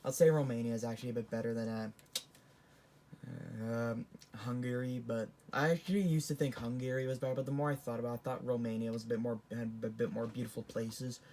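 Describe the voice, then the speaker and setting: A man's voice: medium pitch, fairly even intonation, rapid-fire, few pauses, mellow, a little hiss or hum. Teen male, casual rambling vlogger, lots of false starts. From Canada. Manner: rambling, with frequent restarts and self-corrections. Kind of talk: casual tier-list commentary.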